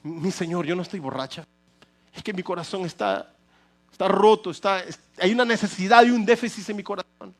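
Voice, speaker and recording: A man voicing a grieving woman who pleads her innocence in a soft, hushed way. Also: sits high, a little fast, soft background music, natural voice. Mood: sorrowful.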